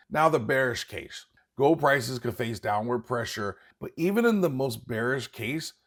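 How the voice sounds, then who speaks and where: Urgent, emphatic man hosting a finance channel. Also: medium pitch. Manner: emphatic, urging, repeats points for stress. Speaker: investing channel host. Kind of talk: scripted direct-to-camera commentary.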